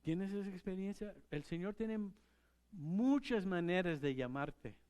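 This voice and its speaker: A male pastor preaches in a conversational style, often turning to the congregation with questions. His voice sits somewhat high for a man, and he speaks in a church. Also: animated, a little slow, a little mellow. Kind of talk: sermon.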